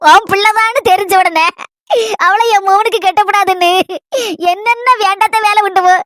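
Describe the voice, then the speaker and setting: A tearful younger sister, played by a woman in a homemade family drama, begging forgiveness through her crying and repeating her self-blame. The voice is very high and bright, and the sound is close and dry. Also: fairly even intonation, moderate pace, no echo. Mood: remorseful.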